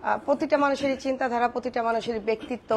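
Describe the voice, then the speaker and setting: Middle-aged woman, ex-actress guest, firm and opinionated, a touch high-voiced. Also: steady tone, rapid-fire, slight background noise. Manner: firm, opinionated, mixes in English words. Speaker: guest, former film actress. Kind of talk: casual talk show interview.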